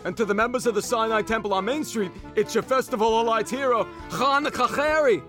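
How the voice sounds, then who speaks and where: Very high male voice, hammy shop owner's radio ad, acted by a man, music playing underneath. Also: brisk. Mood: salesy. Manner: showy, pun-filled salesman shtick with Yiddish curses. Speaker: ad pitchman. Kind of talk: radio ad spot. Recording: ad read over music.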